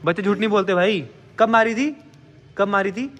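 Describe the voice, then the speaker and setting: A man hosting a family vlog, excited and teasing as he questions everyone. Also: high-pitched, normal speed. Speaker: vlogger host. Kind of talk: casual family vlog chat.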